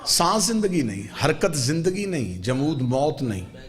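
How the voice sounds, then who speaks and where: A man with a Pakistani Urdu accent preaching a majlis sermon, swinging from loud impassioned shouts to soft, low storytelling. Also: very animated, crowd noise. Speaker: Shia preacher. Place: religious gathering hall.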